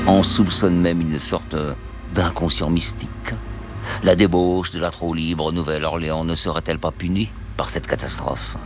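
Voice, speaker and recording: Deep-voiced male voice-over, measured and questioning, music bed behind. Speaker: documentary narrator. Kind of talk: scripted news narration.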